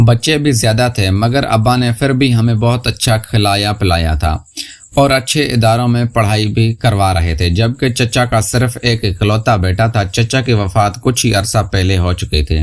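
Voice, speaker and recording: A man narrating a scripted first-person story in a steady, unhurried reading voice. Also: medium pitch.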